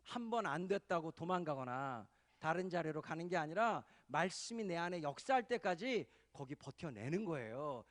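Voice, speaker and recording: A male pastor preaching an impassioned sermon at a church retreat, calling out hallelujahs and swelling into loud pleading cries. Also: on the high side, sing-song, normal speed. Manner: calls for amens and hallelujahs from the congregation. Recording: reverberant hall recording.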